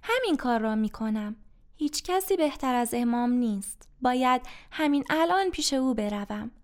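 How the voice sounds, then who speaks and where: A woman's voice: fairly high pitch, expressive, voice pushed down, lightly acted. A woman voicing a poor, ashamed grown man in debt, speaking humbly and hesitantly in a storybook reading.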